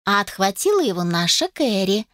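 A woman's voice: medium pitch, big pitch swings, moderate pace, fairly bright tone, no echo, clean studio sound. A woman voicing a blunt, bossy young woman cousin with a drawling way of talking.

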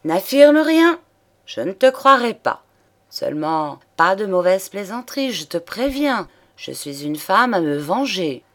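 A woman's voice: fairly low pitch, lively intonation, measured pace, hardly any pauses. Juliette, a wilful young mistress, voiced by a woman. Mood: insistent. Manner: coaxing, then sharp and threatening.

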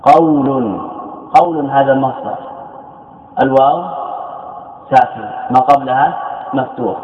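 A man's voice: medium pitch, fairly even intonation, a little slow. A man teaching grammar as a scholar in a classroom lecture. He repeats key phrases and asks questions that he answers himself. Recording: tinny echoey lecture hall recording.

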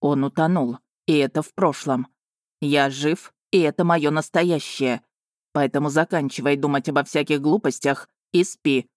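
A stern dragon-man with a low, even voice that gives short, flat commands, as a woman reader puts him on. He stays unflappable and blunt, and the sound is dry and close. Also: normal speed, dry recording, close to an everyday voice. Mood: stern, commanding. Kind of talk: audiobook character voice.

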